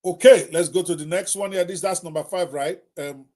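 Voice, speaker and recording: Emphatic Nigerian man, fairly high voice. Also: fairly quick, warm tone. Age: middle-aged. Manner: emphatic, repetitive, direct address to viewers. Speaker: host. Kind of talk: live talk on technology.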